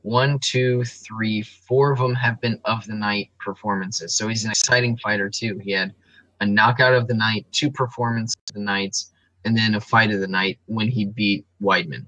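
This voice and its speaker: A man co-hosts a laid-back sports talk show, his voice a little low but bright and forceful. He runs through rankings and records methodically, pausing on plenty of ums. The sound is close and dry. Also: steady tone, no room sound, poor audio. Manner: analytical, reels off stats with frequent ums. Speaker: sports podcast co-host.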